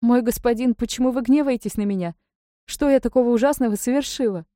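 A woman's voice: steady tone, brisk, dark tone, no echo, studio quality, natural voice. A woman doing a whiny young court favorite. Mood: pleading. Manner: pleading, whiny, high-strung.

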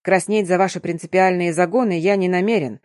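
A woman's voice: fairly low pitch, steady tone, fairly quick, darkish tone, dry recording, studio quality, close to an everyday voice. A woman reading the lines of a stern, domineering and sly male curator in an audiobook, with a curt, commanding manner. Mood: stern, mocking. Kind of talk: audiobook narration.

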